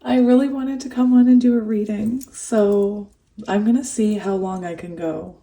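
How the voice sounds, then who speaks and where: Her hoarse voice is medium-pitched and mellow, with a steady tone and normal speed, because she has a cold and has nearly lost it. This tarot reader chats her way through a reading, laughing frequently and letting sentences trail off into fillers.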